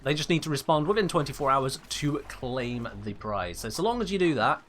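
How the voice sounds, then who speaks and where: A game streamer in his twenties from England chats casually while playing live, reading out viewer messages in playful mock indignation. His English-accented voice is medium-pitched, fairly quick and a bit bright, with lively intonation and a little hiss or hum.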